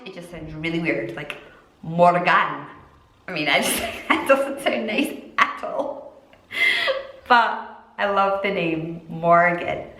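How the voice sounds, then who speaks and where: A woman's voice: medium pitch, a bit bright. Chatty Scottish woman in an echoey room. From Scotland. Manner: chatty, giggly, drawn-out emphatic words. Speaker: vlogger and mother of two. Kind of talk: casual chat to camera.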